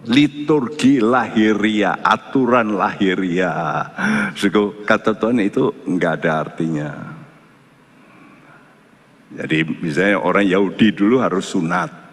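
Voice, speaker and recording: A male pastor preaching a sermon, firing rhetorical questions and swinging between loud and hushed. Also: lowish voice, measured pace. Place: church. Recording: echoey church hall.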